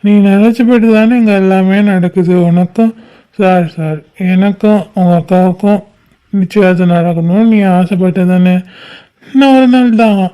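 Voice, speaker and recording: A woman's voice: medium pitch, normal speed, warm tone, smooth, lightly acted. A woman voicing a heartbroken, bitter young man in a homemade cartoon, with a brooding, reproachful way of talking.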